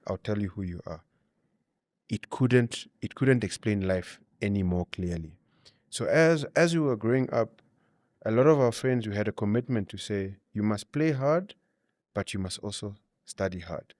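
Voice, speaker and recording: A man talks as an interview guest in a mid-pitched voice. He explains his points conversationally, often checking in with 'you know' and 'you see'. The sound is close and dry, with very little room in it. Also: lively intonation, normal speed, a little mellow, no echo. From Namibia. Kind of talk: conversational interview advice and storytelling.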